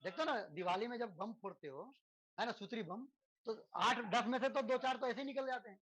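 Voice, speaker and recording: A male teacher gives a relaxed physics lesson to students. He keeps checking in with tag questions and leans on rhetorical questions and everyday examples to make his points. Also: very high voice, a little fast, breathy edge, rough recording. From India. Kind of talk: lecture to students.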